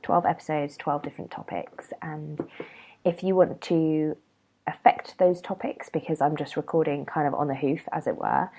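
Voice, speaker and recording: A young British woman with a deep, creaky, warm voice hosts a solo podcast, chatting casually and rambling a little. She sounds nasal and congested from a cold, and her manner is informal and self-deprecating.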